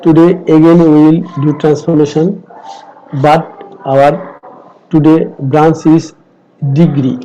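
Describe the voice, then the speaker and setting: A middle-aged man with a Bengali accent, teaching an online grammar lesson and slowly repeating lists of words. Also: a little high, little pitch movement, mellow, muffled recording, a little hiss or hum. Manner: slow, deliberate, repeats word lists. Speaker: English teacher.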